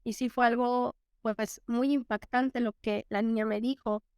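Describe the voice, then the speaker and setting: High-voiced Mexican woman teacher. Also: steady tone, unhurried, darkish tone, clear, resonant tone, no room sound, studio quality. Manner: storytelling with many fillers and restarts. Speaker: teacher, guest. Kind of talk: reflective conversational interview.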